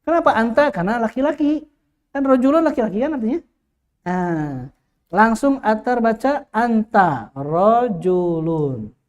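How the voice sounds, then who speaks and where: A man's voice: sits high, lively intonation, unhurried, darkish tone. A male teacher leads an Arabic grammar lesson. He quizzes his students constantly with short questions and repeats the key words until they stick.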